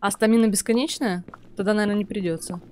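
A woman's voice: medium pitch, fairly even intonation, quick pace, darkish tone, a little hiss or hum. A young adult woman giving casual muttered commentary on a horror game as she plays, reacting aloud. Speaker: game streamer. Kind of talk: horror game let's play commentary with read-aloud subtitles.

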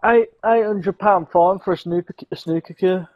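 A man's voice: sits high, normal speed, no room sound, highs cut off. A man chatting casually as a co-commentator while playing a video game. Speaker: gaming co-commentator.

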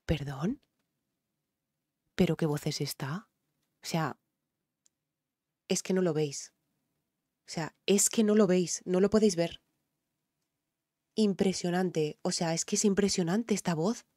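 A woman's voice: lowish voice, takes it slowly, long pauses, dark tone, no echo, studio quality. A woman from Spain, a singer, with a Spain Spanish accent, commenting on music in an effusive, exclaiming way with frequent fillers. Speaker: singer and vocal coach reacting to music.

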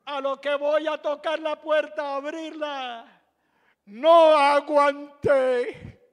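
An older man with a Venezuelan accent, a pastor telling a personal testimony in a sermon, dramatic and emphatic with bursts of shouting. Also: very high-pitched, little pitch movement, unhurried, big-room sound. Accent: Venezuelan Spanish.

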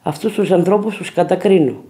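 A mother telling her family's story slowly and plainly in a documentary interview. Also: fairly low pitch, warm tone.

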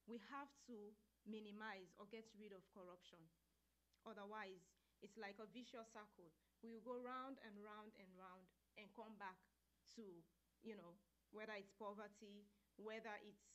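A woman's voice: mid-range voice, a bit bright. A woman in her thirties from Sierra Leone, answering earnestly as a panelist at a conference, emphatic with some restarts. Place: conference room with a panel table. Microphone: table mic.

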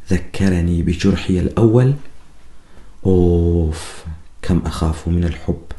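A man voices a brooding young student in love who muses earnestly and poetically. The voice sits low and mellow. Everything carries the echo of a roomy space. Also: vocal fry. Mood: anxious. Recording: echoey room.

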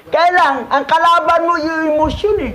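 A man's voice: very high voice, sharp tone. A man teaching as a religious instructor, commenting on a reading in a casual, repetitive way, chuckling and mixing in English words.

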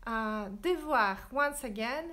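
A woman teaching French in a livestream, drilling verb forms slowly and switching into English to explain. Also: a little high, sharp tone. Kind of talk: livestreamed language lesson. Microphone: phone livestream.

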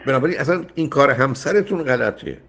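A man's voice: medium pitch, expressive, fairly bright tone. An older man hosting a call-in advice show, emphatic and often cutting in with repeated no's. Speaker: radio psychologist host.

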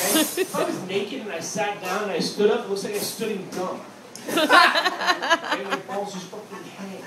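A man from upstate New York does crude, rambling open-mic stand-up into a handheld mic, his voice high and his speech loose and studded with "like" and "okay?". He's on a small, dark theater stage with a live audience. The echoey recording carries background noise and crowd laughter.

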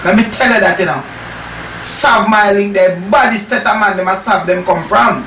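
A man acting as a brash street gangster with a high voice and a Caribbean accent. He boasts in repetitive slang, as in a homemade comedy skit. The sound is distant and echoey, picked up in a bedroom. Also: moderate pace. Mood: boastful. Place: small tiled bedroom. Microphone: camera microphone across the room. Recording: roomy, dull, noisy distant camera audio.

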